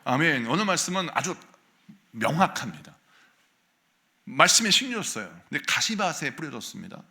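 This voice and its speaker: A man's voice: a little high, big pitch swings, normal speed. A middle-aged man pastor delivering an impassioned sermon that swells into fervent prayer. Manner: impassioned preaching, rising to fervent shouted prayer.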